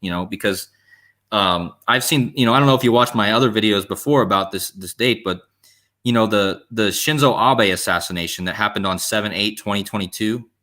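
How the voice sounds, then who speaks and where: A man's voice: fairly low pitch, fairly quick, sharp tone. A man in his thirties from Ohio, hosting a casual chat and speaking hesitantly. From Ohio, United States. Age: 30s. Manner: hesitant, full of fillers and restarts. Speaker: host.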